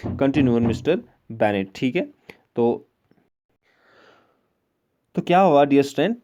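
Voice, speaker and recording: Male teacher, Kashmiri accent, mellow tone; slow line readings, patient explaining. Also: medium pitch. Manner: reads English lines slowly, then explains with frequent "ठीक है?". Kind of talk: explaining an English prose lesson in Hindi-Urdu.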